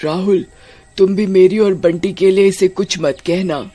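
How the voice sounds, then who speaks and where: A woman voicing a stern, protective witch spirit in a storybook tale, speaking low and hushed. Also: fairly even intonation, measured pace, soft background music, close to an everyday voice.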